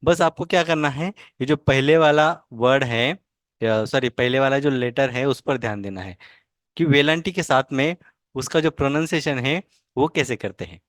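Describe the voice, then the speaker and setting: A man with a Marathi accent, teaching an online language lesson and reading out each word slowly, several times over, for students to repeat. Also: mid-range voice, dry recording. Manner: slow, drawn-out repetition of each word for students to copy.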